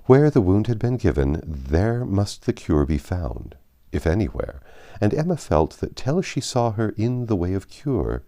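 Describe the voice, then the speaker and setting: Reading aloud from a classic novel, this audiobook narrator has a fairly low voice. He phrases things in a measured, expressive way, stretching out his emphasis.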